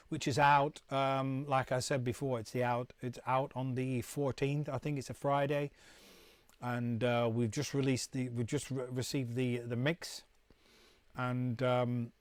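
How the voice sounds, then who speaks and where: A middle-aged British musician hosts a live stream, chatting casually with his viewers as he rambles and frequently restarts his sentences. His voice is mid-range, and there is no echo.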